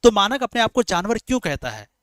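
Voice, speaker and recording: High-voiced man teaching an exam class. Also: big pitch swings, brisk, a bit bright, dry recording. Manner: repetitive, explains in rhetorical questions, calls students dear children. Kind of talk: online exam-prep class.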